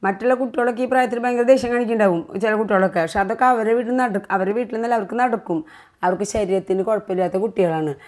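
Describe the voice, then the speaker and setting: A middle-aged woman talks quickly in an everyday family vlog. She sounds like a mother lecturing with earnest insistence, and she comes back to the same points again and again. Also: mid-range voice, darkish tone. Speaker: mother vlogger. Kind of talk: casual family vlog conversation.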